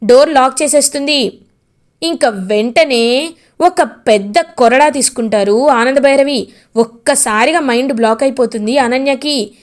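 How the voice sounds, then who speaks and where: A woman retelling a TV serial's plot in a lively, dramatic, casual way. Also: high-pitched, a little slow.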